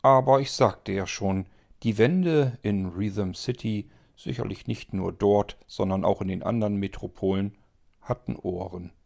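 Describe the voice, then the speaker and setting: A man narrating a science-fiction audiobook in the first person, with measured storytelling. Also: fairly low pitch, vocal fry, a little mellow.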